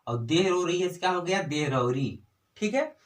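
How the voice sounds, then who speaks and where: A man's voice: fairly high pitch, expressive, moderate pace. A man with a Chhattisgarhi Hindi accent teaching an exam-prep lesson, asking himself questions and answering them, with frequent "ठीक है" and "है ना" tags. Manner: repeats "ठीक है" and "है ना", asks and answers own questions. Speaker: exam tutor.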